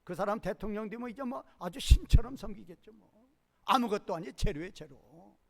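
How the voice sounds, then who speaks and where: High, lively-pitched Korean pastor preaching. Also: male voice, fairly quick, vocal fry. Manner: emphatic call-and-response questions to the congregation; swings between loud emphasis and quiet low asides. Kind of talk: sermon.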